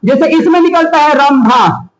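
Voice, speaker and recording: A man's voice: very high voice, lively intonation, moderate pace. A male teacher giving a classroom lesson, constantly quizzing his students with repeated questions. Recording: echoey classroom.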